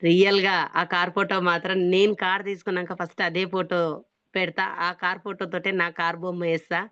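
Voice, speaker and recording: A woman's voice: lowish voice, flat delivery, fairly quick, a bit bright, clean tone, dry recording. A woman from Hyderabad with a Telangana Telugu accent, giving an earnest, emphatic motivational testimony to a business audience. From Hyderabad, India. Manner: earnest and emphatic, often stressing that she is being sincere. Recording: dull, dry, lo-fi sound.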